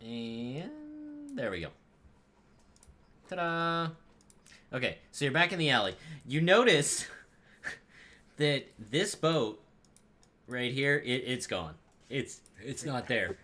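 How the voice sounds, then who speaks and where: A man narrating a tabletop game as game master, describing scenes with animated, restarting delivery. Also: mid-range voice, slow pace, pauses often.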